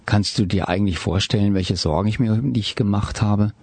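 A caring, soft-spoken man of about thirty, voiced by a male reader in an audiobook. His low voice stays calm and soothing throughout. It carries a husky grain and sits dry and close to the mic. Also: brisk, no echo. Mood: tender. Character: gentle, caring man around thirty, the older partner.

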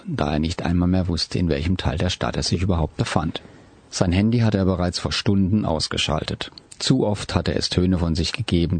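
A male audiobook narrator with a calm, measured delivery. His voice sits low with a husky texture. The recording is dry and close, with no room sound. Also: dry recording. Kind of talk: scripted narration.

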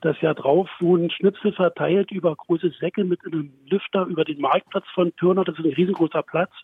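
Phone-in guest: Berlin-accented man, 50s, husky, plainspoken. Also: a little high, steady tone, a little fast, no echo. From Berlin outskirts, Germany. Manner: plainspoken, explains at length with restarts. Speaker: guest, pride association member. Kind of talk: interview over a phone line. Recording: tinny phone line, dry.

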